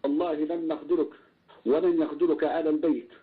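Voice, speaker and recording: A man's voice: fairly high pitch, level tone, brisk. A man from Libya with a Libyan accent, calling in to a live show and speaking in an effusive, reverent manner. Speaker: radio show caller. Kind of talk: phone-in call to a live show. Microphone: phone. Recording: tinny narrow phone line.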